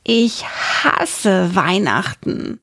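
A woman's voice: medium pitch, animated, drawn-out words, a bit bright, breathy edge, no echo, studio quality, pitched above the performer's own voice, heavily acted. A woman reading a story and voicing a sulky, sarcastic young girl who complains a lot. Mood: sulky, exasperated. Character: exasperated grumbling young girl.

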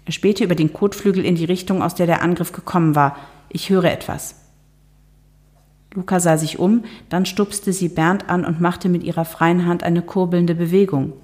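A middle-aged woman, an author and TV journalist, reads from her novel and then moves into casual interview talk. Her voice is lower, with a darkish tone and fairly even intonation. She sounds measured and lightly humorous, with some hesitations.

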